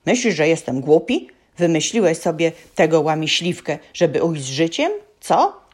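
A woman voicing a big, greedy male giant who grumbles in a lowered voice. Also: lively intonation, measured pace, warm tone, breathy edge, full character voice. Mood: suspicious, grumbling. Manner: low, grumbling, mocking.

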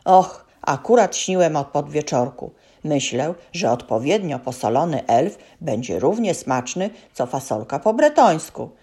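A woman voicing a big, greedy male giant who grumbles in a lowered voice. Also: big pitch swings, unhurried, few pauses, mellow, breathy edge, heavily acted. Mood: gloating. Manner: low, grumbling, mocking.

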